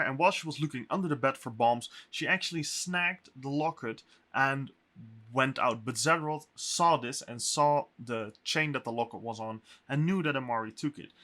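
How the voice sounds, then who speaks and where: A bright, forceful man's voice, heard with an echoey ring. He is the game master, walking listeners through what happened in a tabletop session. He talks haltingly, with fillers and restarts. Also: mid-range voice.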